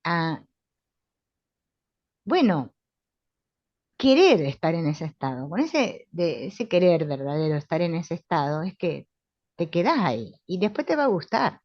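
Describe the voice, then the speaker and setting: A middle-aged woman with a Rioplatense Spanish accent, calmly and confidently teaching a spiritual therapy class, often asking "right?". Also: fairly low pitch, a little slow, long pauses, dry recording. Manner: calm, assured, with frequent tag questions. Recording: dull, lo-fi sound.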